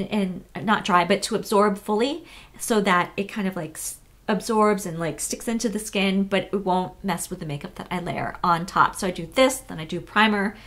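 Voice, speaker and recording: Woman, 30s, beauty vlogger, casual and chatty, relaxed, filler-heavy, mid-pitched voice. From United States. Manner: chatty, relaxed, frequent fillers and self-corrections.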